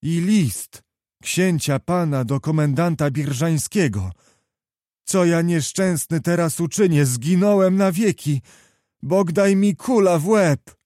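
A man voicing a rash young male officer who despairs and shouts in panic. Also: a little high, slow pace, no echo, clean studio sound, pitched above the performer's own voice. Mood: despairing. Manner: wailing, loud outbursts.

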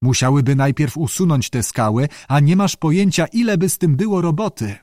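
A man's voice: fairly high pitch, fairly quick, darkish tone, no room sound, studio quality, pitched above the performer's own voice, lightly acted. A male audiobook reader voicing a stubborn old father who scolds his son and later grows shaken and afraid. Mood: dismissive. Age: older. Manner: scolding, dismissive, later shaky and fearful. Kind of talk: audiobook character voice.

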